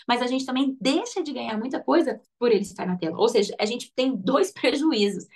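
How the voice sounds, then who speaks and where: A fairly high-voiced woman preaching to parents in an earnest, exhorting way. She often slips into little acted lines of parents and children. Her voice sits a little back from the microphone, with a touch of distance in the sound. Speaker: children's ministry pastor. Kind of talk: sermon-style teaching to parents.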